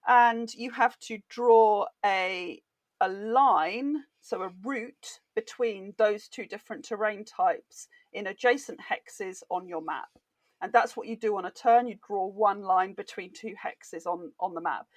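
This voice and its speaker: A British woman who writes board games chats enthusiastically as a guest on a podcast, laughing easily in a casual interview. Her mid-range voice moves at a measured pace, and the recording is dry.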